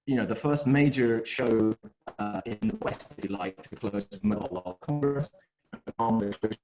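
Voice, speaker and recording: A man's voice: mid-range voice, lively intonation, moderate pace, gravelly, music in the background, poor audio. A man giving a webinar talk over a video call whose audio keeps breaking up, hesitant with many fillers. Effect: choppy, breaking-up video call audio. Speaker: webinar presenter. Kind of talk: online presentation.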